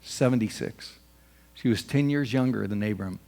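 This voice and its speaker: Gravelly-voiced man preaching a sermon. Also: fairly low pitch, normal speed, warm tone. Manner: preaching with rising emphasis on quoted scripture. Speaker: pastor.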